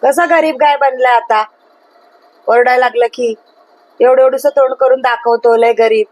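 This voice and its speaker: A woman's voice: high voice, fairly even intonation, moderate pace, darkish tone, no room sound, rough recording. A woman chatting playfully to her cats at home, teasing and scolding them in a sing-song way. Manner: teasing, sing-song calling, mimics meowing. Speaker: vlogger talking to her cats. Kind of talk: playful scolding chat with pets.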